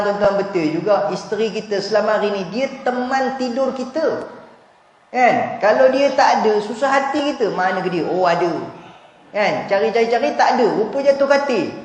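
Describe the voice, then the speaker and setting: A man's voice: high-pitched, highs cut off. A man with a Malaysian Malay accent giving a humorous religious lecture in a mosque, telling jokey stories and acting out characters. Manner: jokey storytelling, acts out characters. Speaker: preacher. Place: large mosque hall. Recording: very echoey hall, faint ambient noise.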